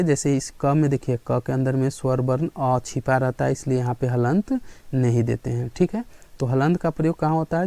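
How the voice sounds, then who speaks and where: A male teacher giving a grammar lesson in a classroom style, often pausing to check in and asking questions that he then answers himself. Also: medium pitch, vocal fry, warm tone, no echo. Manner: checks in with students again and again, asks and answers his own questions.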